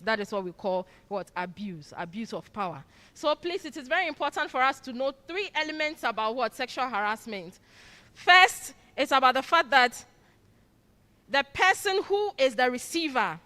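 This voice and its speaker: High bright woman lecturing in a hall. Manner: quizzes audience with fill-in "what?" prompts. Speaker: orientation speaker. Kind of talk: orientation lecture. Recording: long hall reverb.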